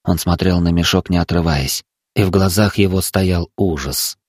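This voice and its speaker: A man narrating a dramatic story in a measured reading. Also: deep voice, darkish tone, dry recording, clean studio sound.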